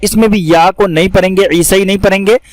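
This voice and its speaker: A man teaching how to read the Quran, explaining each word and then reciting it slowly with drawn-out vowels. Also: sits high, fairly even intonation, no echo. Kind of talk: step-by-step recitation lesson.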